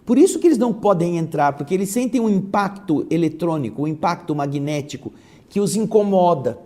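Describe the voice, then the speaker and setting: A man's voice: high voice, lively intonation, brisk, dark tone. A man reading a book aloud expressively, breaking in with casual comments. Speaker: reader and commentator.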